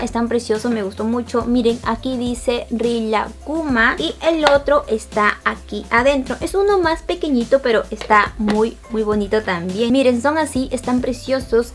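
A young woman in casual vlog chat, gushing with enthusiasm over cute items she unboxes. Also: a little high. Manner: gushing, enthusiastic, lots of diminutives. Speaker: vlogger.

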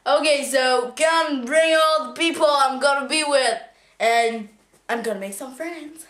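High-voiced young female, echoey room. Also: measured pace, a bit bright. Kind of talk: amateur parody skit acting. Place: small room at home. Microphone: distant camera microphone. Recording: echoey room, distant camera mic.

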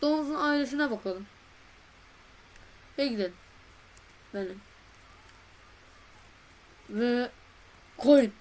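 A woman chats her way through a gameplay session, excitable and playful, tossing slang at her viewers. Her voice sits a little high and she talks unhurriedly, with a faint noise in the background. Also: slow pace, long pauses, poor audio. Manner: chatty, excitable, talks to viewers while playing. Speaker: gaming video creator. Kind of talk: casual gameplay commentary.

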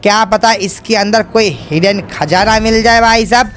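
A man's voice: high-pitched, steady tone, normal speed, fairly bright tone, slight background noise. A man narrating a game role-play in a chatty way, talking straight to his viewers. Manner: chatty, addresses viewers, repeats fillers. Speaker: gaming YouTuber narrating as Franklin.

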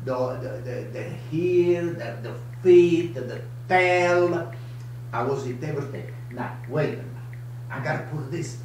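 An older man with a strong Italian accent chats through a live cooking show in lively, broken English, his voice sitting fairly high for a man. He is heard from across a home kitchen, with heavy room echo and a faint hiss behind him. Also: unhurried, recorded from a distance. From Italy. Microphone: camera across the counter. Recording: echoey kitchen, voice from afar.

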